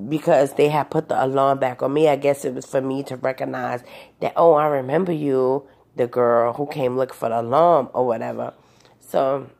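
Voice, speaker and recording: A woman with a strikingly deep voice and a gravelly rasp recounts a personal experience in a loose monologue. She wanders between details, fills pauses with ums and likes, and restarts her sentences often. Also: dark tone. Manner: rambling, with many fillers and restarts. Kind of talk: casual storytelling monologue.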